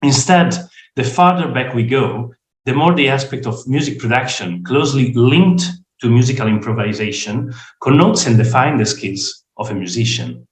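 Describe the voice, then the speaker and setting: Hoarse man, roomy sound. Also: medium pitch, moderate pace. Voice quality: rough, croaky voice. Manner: hesitant, many fillers. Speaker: guest speaker. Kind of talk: online lecture presentation. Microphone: video call. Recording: roomy echo.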